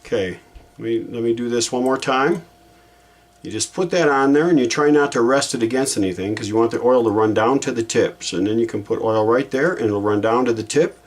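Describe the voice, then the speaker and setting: A repair hobbyist hosting a how-to video demonstrates a fix by hand, thinking aloud in a casual, folksy way as he goes. His voice is mid-range and a little fast, with slight background noise.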